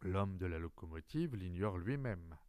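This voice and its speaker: A man's voice: low-pitched, animated, a little slow, a little mellow, dry recording, clean studio sound. A man reading an audiobook, voicing a plain, matter-of-fact railway switchman.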